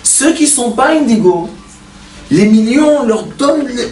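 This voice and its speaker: A man teaching Torah with a bright, high voice, lively and questioning as he tells stories. He sounds set back from the mic, in a reverberant hall with a faint hiss underneath. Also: unhurried. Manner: animated, rhetorical questions to the audience, big pitch swings. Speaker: rabbi teaching a Torah class. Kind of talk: Torah lecture with storytelling. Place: study center hall with a mixed audience. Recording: echoey room, distant mic, faint noise.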